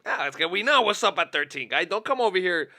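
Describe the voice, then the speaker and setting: A man's voice: high voice, big pitch swings, fast talker, gravelly, pushed and bright. A man co-hosting a podcast, in playful and laughing casual banter. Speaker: podcast co-host.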